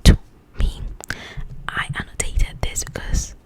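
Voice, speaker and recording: Slowly and in a breathy, unvoiced whisper, a woman does ASMR for her book channel. She talks conversationally about book highlights in a confiding way, pausing to make sure the listener follows.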